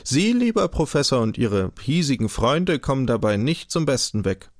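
A man voicing a small, humorless archive director who speaks calmly, measured and diplomatic in an audiobook. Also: medium pitch, dry recording, clean studio sound.

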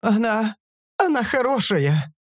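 A man's voice: high-pitched, very animated, slow pace, no echo, clean studio sound, voice pushed up, full character voice. A man voicing a heartbroken grown man who pleads through tears. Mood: sobbing plea. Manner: tearful, pleading, broken-up.

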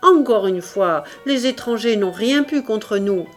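A man's voice: sits high, expressive, unhurried, soft background music. A woman doing a proud, defiant villager. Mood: triumphant. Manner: loud, defiant proclaiming. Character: proud, fiercely patriotic village man.

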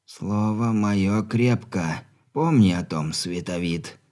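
A man reading an audiobook, voicing a bedridden dying old man who speaks slowly and quietly, breathing heavily in a creaky voice. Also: fairly low pitch. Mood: stern, weary. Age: older. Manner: slow, quiet, weary.

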